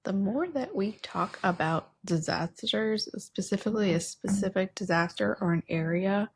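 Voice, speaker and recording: A woman in her thirties co-hosts a casual podcast, speaking into a stand-mounted studio mic while wearing headphones in an indoor room with patterned wallpaper. Her medium-pitched, husky voice moves at a moderate pace, and she comes across as earnest and enthusiastic, calling herself a nerd.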